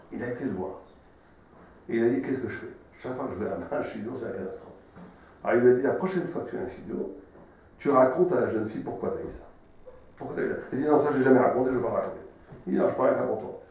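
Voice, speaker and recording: A man, a rabbi, telling stories in a sermon, an expressive storyteller who repeats his words. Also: mid-range voice. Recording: very echoey room, mic far off.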